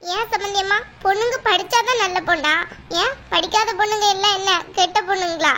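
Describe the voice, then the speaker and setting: A woman doing a shrill pleading bride's mother. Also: pushed and bright, a little hiss or hum. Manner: pleading, plaintive. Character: worried middle-aged village mother of the bride. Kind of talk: cartoon voice acting.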